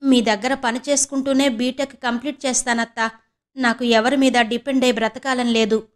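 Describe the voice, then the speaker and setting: A cheeky young niece and student in an audiobook, as a woman narrator voices her, teasing and grumbling in quick, chatty asides. The voice is fairly high and lively. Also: close to an everyday voice. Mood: earnest.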